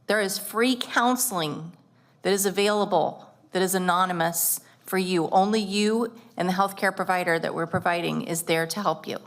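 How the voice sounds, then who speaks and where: A woman on a school board speaking earnestly at a public meeting, getting choked up and stretching out words for emphasis. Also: lowish voice. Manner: earnest, emotional, drawn-out emphasis.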